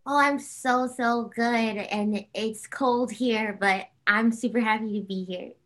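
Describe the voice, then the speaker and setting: A woman's voice: a little high, fairly even intonation, slow, fairly bright tone. A woman from the eastern US giving casual, effusive answers as an interview guest. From Harlem and New Jersey, US. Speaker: interview guest, singer and actor.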